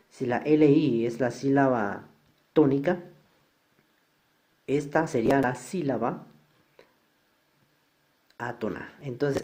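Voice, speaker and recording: A man's voice: mid-range voice, dark tone. A male teacher explaining a lesson step by step over slides, repeating each example.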